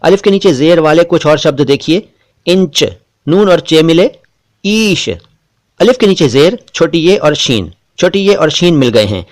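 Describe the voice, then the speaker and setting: A man, hosting a spelling lesson and explaining words slowly and carefully, letter by letter. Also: on the high side, expressive. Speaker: Urdu language teacher.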